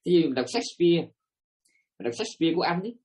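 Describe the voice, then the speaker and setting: A man's voice: a little high, lively intonation, fast, darkish tone. A man giving a Buddhist dharma talk to listeners, emphatic and asking them rhetorical questions. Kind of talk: dharma talk to a live audience.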